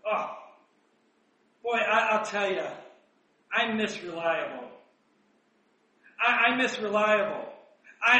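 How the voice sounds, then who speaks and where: A man giving a chatty Bible teaching, asking rhetorical questions and reading verses slowly. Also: sits high, sharp tone. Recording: roomy echo, distant mic.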